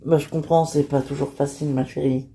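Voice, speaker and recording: A woman's voice: low voice, fairly even intonation, a little fast, vocal fry, dark tone. A woman voicing a caring, teasing middle-aged father who talks in a chatty, affectionate way, in a homemade toy-figure drama. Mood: comforting.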